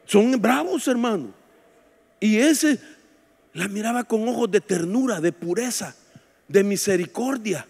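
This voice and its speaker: A male pastor with a strikingly high voice preaches in a large hall whose long echo trails every phrase. He tells stories with humor, calling out some lines loudly and dropping to a near hush for others. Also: animated, unhurried, vocal fry, pauses often, breathy edge. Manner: storytelling preacher, swings from shouts to hushed asides; jokes with the congregation. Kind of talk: sermon at a women's retreat. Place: church hall.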